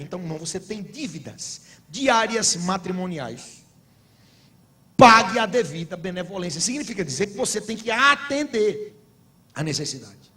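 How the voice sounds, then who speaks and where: A middle-aged Brazilian pastor preaching a sermon to couples, telling humorous stories and building to emphatic exhortation. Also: male voice, high-pitched, a bit bright. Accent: Brazilian Portuguese.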